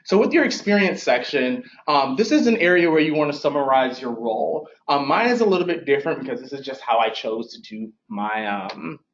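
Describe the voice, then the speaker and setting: A man's voice: fairly high pitch, animated, fairly quick, hardly any pauses, roomy sound, slight background noise. A young man giving an informal instructional presentation as a career advisor, speaking with braces in his mouth, conversational and often rephrasing himself. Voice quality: speech slightly impeded by braces. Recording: dull, lo-fi recording.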